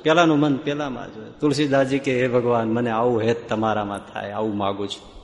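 A man telling a devotional story as a sermon, vivid and expressive, with acted-out quotes. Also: medium pitch. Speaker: religious storyteller. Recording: echoey hall with long reverb.

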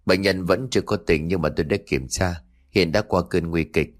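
Man voicing a low, calm hospital department head. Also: moderate pace. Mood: kind. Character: tired middle-aged male head of a hospital department.

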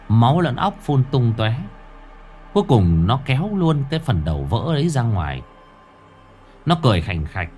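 A man's voice: fairly low pitch, a little mellow. A man narrating a horror story in a vivid, dramatic way.

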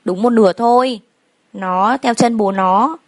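A woman's voice: fairly high pitch, a little slow, dry recording, lightly acted. A woman voicing a mocking male gangster who taunts a young woman, in a condescending way. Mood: taunting.

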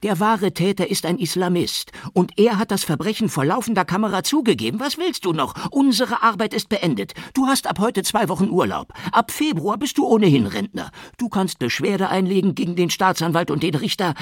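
A man's voice: fairly quick, few pauses, dry recording, clean studio sound. A man voicing an agitated male police major who answers in a defensive, insistent way. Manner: excited, high-pitched, insistent.

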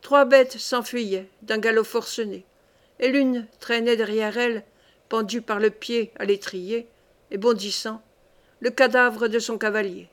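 A woman narrating a classic short story in a measured, expressive way. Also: fairly high pitch. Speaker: reader. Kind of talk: literary audiobook narration.

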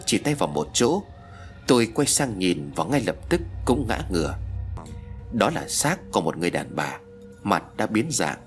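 A man narrating a first-person story as an audiobook reader. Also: lowish voice. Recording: faint background music.

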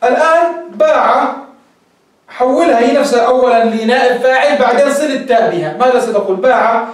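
A man who teaches a grammar lesson as a sheikh and keeps checking with his students, asking and answering his own questions. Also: extremely high pitch. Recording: echoey room, voice far from the mic.

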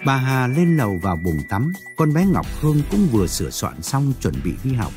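A man narrating a story aloud in an expressive storytelling manner. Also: normal speed, over music. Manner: expressive storytelling with swooping pitch.

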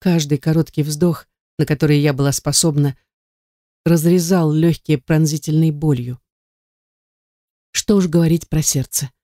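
A woman's voice: sits low, fairly even intonation, normal speed, warm tone, dry recording, studio quality. A woman narrating a first-person romance novel with emotional, dramatic delivery. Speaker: audiobook narrator.

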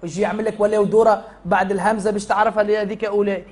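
A man's voice: sits high, level tone, very fast. A man with a Tunisian Arabic accent teaching a Quran recitation class, asking the students questions and answering them himself. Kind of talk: classroom lesson.

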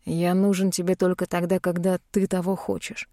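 A woman lowers her voice to play a brooding young man from an audiobook. He speaks in a dark, soft, hissing tone, bitter and wounded, in a dry close recording. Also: completely flat delivery, moderate pace, dry recording, natural voice. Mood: hurt. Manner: low, hissing reproach. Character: hurt, brooding young man confronting his lover.

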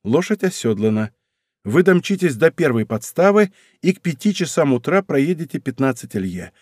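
A man voicing a cunning bishop who speaks in a soft, low, urgent whisper. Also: very animated, moderate pace, no room sound, clean studio sound. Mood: urgent hushed. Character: hushed cunning male bishop, commanding.

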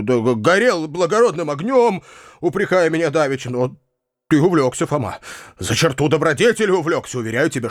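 A man's voice: medium pitch, no echo, studio quality, close to an everyday voice. A man voicing a kindly, flustered middle-aged uncle who stammers and hesitates over his words.

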